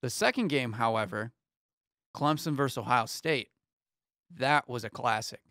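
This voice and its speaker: A young man in his twenties, co-hosting a casual sports talk show, runs through game scores in a steady rundown peppered with ums. His mid-range voice moves at a moderate pace. He's in a small foam-paneled studio on an arm-mounted studio mic with headphones, and the recording is dry.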